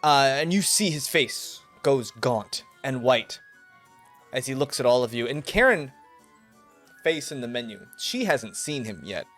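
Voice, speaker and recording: A man narrating an improvised tabletop game as game master in a halting, casual storytelling way. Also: mid-range voice, expressive, a bit bright. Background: music.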